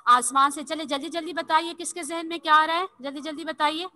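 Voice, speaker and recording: A woman's voice: high-pitched, steady tone, pushed and bright, low-quality recording. A woman teaching an online language class, spelling words out letter by letter and patiently coaxing her pupils with constant check-ins. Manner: repeats "theek hai" constantly and spells words letter by letter slowly. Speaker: Urdu teacher. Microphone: video call.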